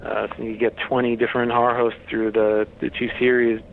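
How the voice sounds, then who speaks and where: A man's voice: mid-range voice, flat delivery, a little fast, creaky. A man gives a casual interview as a guest, explaining in a matter-of-fact manner. He sounds thin and tinny, as if over a phone line, with faint noise in the recording. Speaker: interview guest, horror host website runner.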